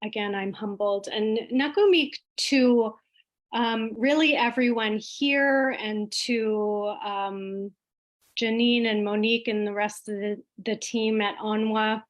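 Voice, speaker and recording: Slow, halting woman. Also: fairly high pitch, steady tone, lo-fi sound. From Iqaluit, Baffin Island, Nunavut, Canada. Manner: halting, pausing often mid-sentence. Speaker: guest speaker at an online event. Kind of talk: informal talk to an online audience.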